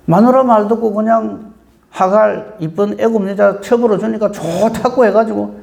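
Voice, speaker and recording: Pastor, male; animated, folksy dawn sermon, mellow and warm tone. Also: high voice, vocal fry. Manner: lively, folksy preaching with rhetorical questions.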